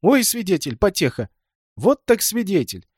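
A man's voice: high voice, very animated, normal speed, breathy edge, dry recording, studio quality, voice pushed up, full character voice. A man voicing a sly, cheeky boy who mocks and laughs at others. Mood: mocking. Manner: mocking, laughing.

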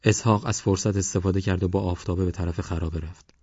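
A male audiobook narrator with a very deep voice, reading in a steady, measured way. The sound is dry with no room around it. The top end is a little dull. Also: breathy edge, dry recording. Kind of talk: scripted narration.

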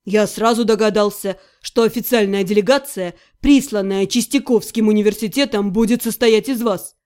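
Woman reading as a soft-spoken young necromancer guy, low and sincere, storybook audiobook. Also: lightly acted. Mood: tender, earnest. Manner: quiet, measured, sincere. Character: earnest young male necromancer, calm and tender. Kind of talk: audiobook character voice.

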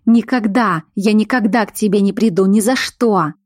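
A woman's voice: medium pitch, normal speed, darkish tone, dry recording, clean studio sound, lightly acted. A woman voicing a frightened but defiant young fox-shifter woman in an audiobook, speaking in a raised, agitated voice. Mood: furious.

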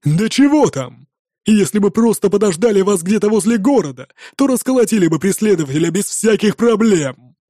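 A man's voice: on the high side, animated, a little slow, warm tone, no echo, studio quality. A man voicing a hot-tempered, sarcastic male viking rower in an audiobook, sneering and hammering every word. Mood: scolding. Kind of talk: audiobook character voice.

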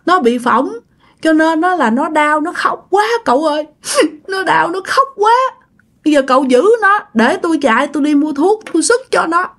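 Woman doing a ghost mother, sobbing, pleading, high tearful voice, ghost story. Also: expressive, normal speed, fairly bright tone. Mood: sobbing plea. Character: weeping ghostly young mother begging for help.

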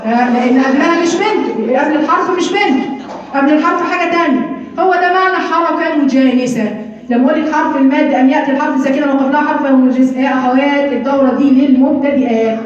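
A woman with an Egyptian accent teaches a recitation class. She drills students by repeating lists, asks questions and answers them herself, and teases them briskly. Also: sits high. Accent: Egyptian Arabic. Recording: very echoey, distant and dull-sounding.

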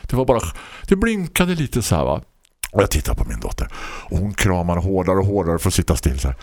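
A man hosting a casual chat, telling a story in a lively way and laughing often. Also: no echo, clean studio sound. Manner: animated, laughing storyteller with big swings in pitch. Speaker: host.

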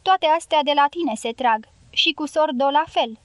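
A woman's voice: sits high, no echo, voice pushed up, lightly acted. A woman reading the part of a sullen male guerrilla leader in an audiobook, speaking bluntly and curtly. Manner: blunt, curt and self-justifying.

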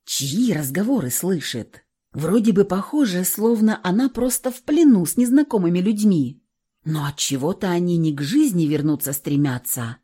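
A woman narrating a fairy-tale audiobook in an expressive storytelling manner. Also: on the low side, slightly rough.

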